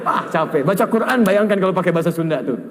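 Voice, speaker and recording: A man with a high voice preaches a lively sermon, carried by long hall reverb. He is an Islamic preacher, humorous and animated. Now and then he acts out snatches of foreign speech. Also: fast talker.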